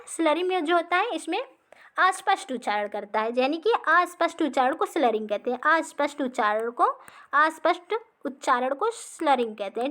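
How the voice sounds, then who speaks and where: A high-voiced woman with a light sound leads a lesson on exam practice. Her explanations are slow and repetitive, she pauses to check understanding almost line by line, and she sounds a bit bright.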